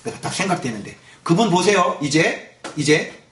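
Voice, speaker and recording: Animated high-voiced preaching pastor. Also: male voice, moderate pace, echoey room, a little hiss or hum. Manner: animated preaching with rhetorical questions to the congregation. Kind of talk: Sunday morning sermon. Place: church sanctuary.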